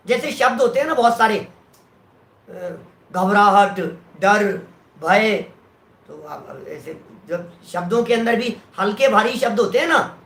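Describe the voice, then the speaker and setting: A man's voice: extremely high pitch, bright, forceful tone. A man giving a religious scripture lecture in an explanatory way, often checking that his listeners are following. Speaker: scripture teacher. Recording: roomy echo.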